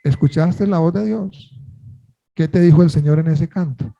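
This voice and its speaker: A man with a high voice and a mellow, warm tone preaches a sermon. He keeps asking the congregation questions and then answers them himself. He leans on important words by drawing them out slowly. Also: gravelly, lo-fi sound. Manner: earnest, stresses key words by slowing down.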